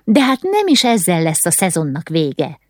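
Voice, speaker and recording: A curious young noble lady in a spoken storybook, chatty and nosy, played by a woman narrator. Her low voice still moves lively in pitch. The sound is dry and close. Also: no room sound.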